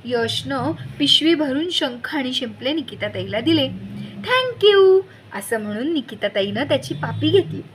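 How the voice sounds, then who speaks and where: A woman reading a children's storybook aloud in a gentle, measured way. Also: sits high, slight background noise.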